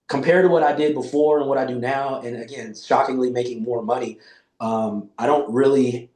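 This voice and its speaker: A man's voice: medium pitch, darkish tone. A man in his forties telling loose, profane stories in a casual podcast chat. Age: 40s. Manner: loose, profane storytelling with acted-out quotes. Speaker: podcast guest. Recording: roomy echo.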